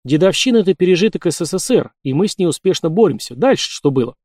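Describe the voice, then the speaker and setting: A man voicing a calm, measured military investigator. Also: fairly high pitch, no room sound, clean studio sound, pitched above the performer's own voice. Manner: measured, deliberate. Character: calm male army investigator, a major.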